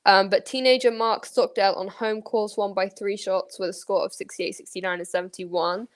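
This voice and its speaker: A woman co-hosts a golf podcast in easy, upbeat chat. She talks with enthusiasm and drops in plenty of casual fillers. Her voice sits at an ordinary pitch. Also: fairly even intonation, moderate pace. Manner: enthusiastic, uses "like" a lot. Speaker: podcast co-host.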